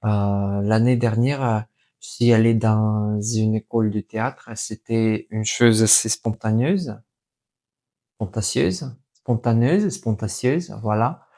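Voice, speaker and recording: Man, Russian accent in French, young, slow pace, halting, searching for words, self-correcting, casual vlog, mellow tone. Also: lowish voice, fairly even intonation. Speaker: vlogger and language learner. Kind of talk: casual unscripted vlog talk.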